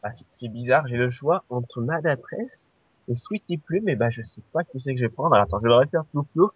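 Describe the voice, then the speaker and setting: Husky man, playful nitpicking co-host, dry dull audio. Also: mid-range voice, fairly quick, dry recording. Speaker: radio show co-host. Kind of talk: casual interview.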